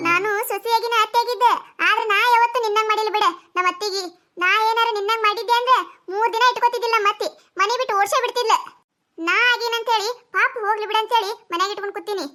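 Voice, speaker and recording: A woman voicing a sharp-tongued, scolding village mother-in-law in a cartoon comedy, with a North Karnataka accent. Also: very high-pitched, fast. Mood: sarcastic. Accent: North Karnataka Kannada. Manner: nagging, sarcastic, scolding.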